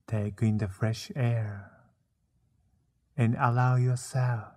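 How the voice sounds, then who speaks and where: A man narrating a guided meditation, soothing and unhurried, with frequent pauses between short phrases. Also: fairly low pitch, warm tone, husky.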